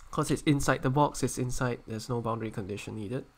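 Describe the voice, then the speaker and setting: A man teaching an engineering software lesson while hiccuping and coughing, often correcting himself and counting points aloud. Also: mid-range voice, fairly quick. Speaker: engineering tutor. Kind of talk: screen-recorded software tutorial.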